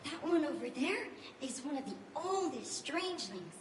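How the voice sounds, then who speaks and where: Casper, a tiny frost spirit. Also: female voice, high voice, sing-song, moderate pace, background noise. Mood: explaining. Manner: formal, polite. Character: tiny frost spirit lobby manager, formal. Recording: game audio, roomy, music behind.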